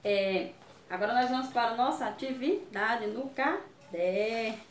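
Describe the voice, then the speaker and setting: A Brazilian woman teaching young children in a video lesson, sounding out syllables slowly. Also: on the high side, reverberant, slight background noise. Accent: Brazilian Portuguese. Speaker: primary school teacher.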